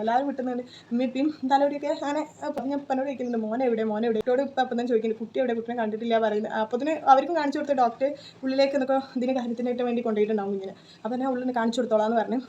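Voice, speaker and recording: A woman's voice: on the high side, steady tone, rapid-fire, warm tone, muffled recording, a little hiss or hum. A woman, telling a personal story in a casual vlog, chatty with lots of fillers and "you know" tags. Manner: chatty, tags sentences with 'you know', many fillers. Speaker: vlogger.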